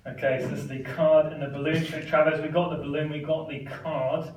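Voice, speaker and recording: A man's voice: on the high side, little pitch movement, brisk, darkish tone. A man performing stand-up comedy with magic tricks, chatty and self-deprecating, often laughing at his own stories. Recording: echoey room, mic from far off, noisy.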